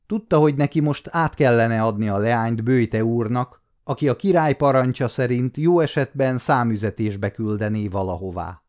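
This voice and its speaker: A man in his fifties reading a novel aloud as an audiobook narrator, calm and measured. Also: medium pitch. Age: 50s. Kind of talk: scripted narration.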